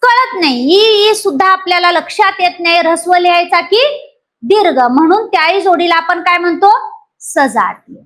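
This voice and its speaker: A woman from Maharashtra with a teaches a grammar class for exam aspirants. Her voice sits very high. She keeps quizzing the students and repeats each rule until it sticks. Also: normal speed. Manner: lively, questions students and repeats key points.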